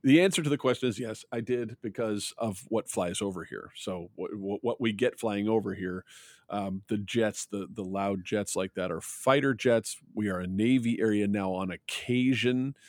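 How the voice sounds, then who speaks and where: A man hosting a podcast, talking into a mic held close with a dry, low voice. He chats casually, restarts his sentences and laughs a lot. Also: no room sound. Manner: chatty, laughs often, many restarts. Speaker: podcast host. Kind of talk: casual chat. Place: outdoors, with jets passing over. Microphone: close microphone.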